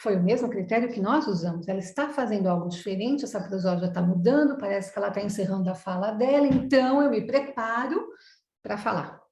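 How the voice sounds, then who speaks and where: A woman's voice: mid-range voice, a little fast, a little mellow. Brazilian woman teaching over a video call, asks herself questions then answers, echoey room. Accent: Brazilian Portuguese. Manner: explanatory, asks and answers her own questions. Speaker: psychoanalyst lecturer. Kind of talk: online lecture to professionals.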